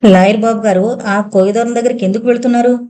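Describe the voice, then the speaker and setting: A woman's voice: a little high, steady tone, fast, warm tone, natural voice. A woman voicing a curious, stubborn young man from town who asks plain, insistent questions.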